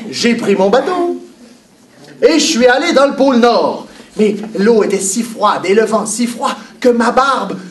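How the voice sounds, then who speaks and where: Kids' stage pirate, a man acting, boastful and playful, Québécois accent, mic distant, room noise behind. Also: high voice. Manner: animated, playful, talks to the children. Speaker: children's entertainer. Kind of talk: live children's stage show. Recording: echoey hall, mic far off, background noise.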